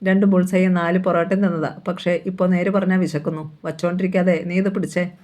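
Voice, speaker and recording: A woman reading the lines of a gruff, blunt older father in a novel, in a rough, commanding way. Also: on the low side, flat delivery, fairly quick, darkish tone, natural voice. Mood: stern.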